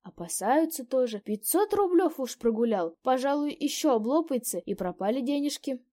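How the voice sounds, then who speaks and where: A woman's voice: high-pitched, animated, mellow, pitched above the performer's own voice. A woman reading a story aloud, voicing a fussy, gossiping old peasant innkeeper woman. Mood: grumbling. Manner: fussy, fawning, quick to exclaim. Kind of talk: audiobook character voice.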